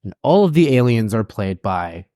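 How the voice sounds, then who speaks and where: A man's voice: lowish voice, big pitch swings, moderate pace, warm tone, dry recording, studio quality. A man hosting a casual recap podcast, talking in a blunt, irreverent way and swearing freely. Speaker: podcast host.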